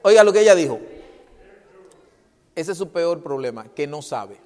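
A man preaching a sermon on a microphone. He asks rhetorical questions and swings between loud, emphatic lines and hushed ones. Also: fairly high pitch, expressive, moderate pace. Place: church hall. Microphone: handheld microphone. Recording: hall with long reverb.

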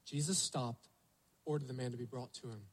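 A man's voice: mid-range voice, fairly even intonation, a little fast, poor audio. A male pastor preaching a sermon, telling the story vividly and asking the congregation rhetorical questions.

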